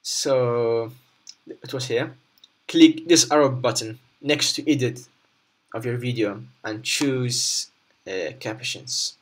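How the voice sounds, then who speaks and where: A man with a mid-pitched voice presents a software tutorial without a script. He moves through each step haltingly, often repeating or rewording an instruction as he explains what to do on screen.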